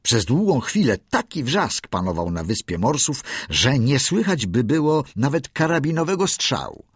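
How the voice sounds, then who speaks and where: A man reading a classic tale aloud with expressive storytelling. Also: mid-range voice, normal speed, slightly rough, dry recording, studio quality. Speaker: narrator.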